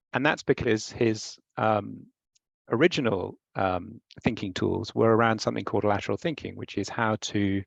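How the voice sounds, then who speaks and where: A man who heads a company, explaining a training method in measured way during a panel discussion over what sounds like an online call. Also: on the low side, vocal fry, no room sound. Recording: dry, dull lo-fi sound.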